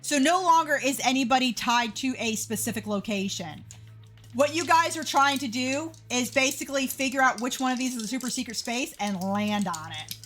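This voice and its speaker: A woman's voice: high voice, expressive, moderate pace, a bit bright, faint music behind. A young adult woman chatting casually with her live stream audience, laughing easily. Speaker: game streamer. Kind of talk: casual livestream chat.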